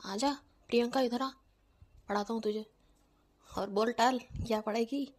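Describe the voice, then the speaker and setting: A woman's voice: fairly high pitch, fairly even intonation, measured pace, darkish tone. A woman voicing a cheeky, lazy teenage son who whines and talks back. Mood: bossy.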